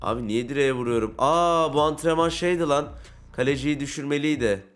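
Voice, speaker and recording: A young man giving casual commentary on a football video game, getting frustrated, ranting and shouting at big plays. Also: a little high, fairly quick. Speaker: gaming YouTuber.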